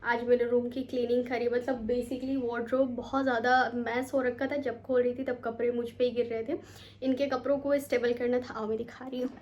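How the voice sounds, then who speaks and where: A woman's voice: fairly high pitch, level tone, a little fast, a little mellow, dull audio, slight background noise. A young woman from India chatting casually to her camera at home as a vlogger, rambling and mixing English words into her talk, tired and sore from a long day. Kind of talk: casual vlog chat to camera. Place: home, bedroom.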